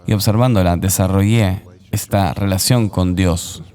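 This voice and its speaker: A man recounting a personal testimony as an interview guest, in an earnest, measured voice-over. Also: low voice, fairly even intonation, a little mellow, in a large hall.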